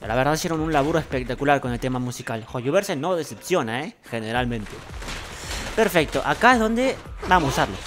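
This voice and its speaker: A man with an Argentine accent giving excitable, boastful gameplay commentary at his computer, swearing casually. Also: mid-range voice, brisk, background noise. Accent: Argentine Spanish. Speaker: gaming streamer. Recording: loud game music behind voice.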